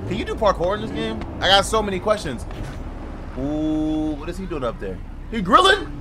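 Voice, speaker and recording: A man's voice: high voice, moderate pace, noisy background. A man giving casual, joking commentary while playing a video game, swearing a lot, using slang and talking to the characters on screen. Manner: talks to game characters as he plays. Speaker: gaming video creator.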